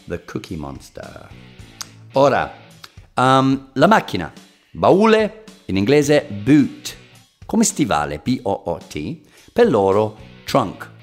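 A man hosting a casual podcast lesson, playful and jokey, slipping between languages. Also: mid-range voice. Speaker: podcast host, English teacher. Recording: faint guitar music behind.

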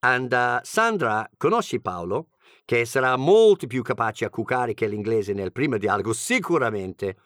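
English guy teaching, playful and jokey, slow talker, dry close sound. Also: medium pitch, very animated, fairly bright tone, dry recording. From England (Birmingham). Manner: playful, joking asides. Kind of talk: humorous language lesson.

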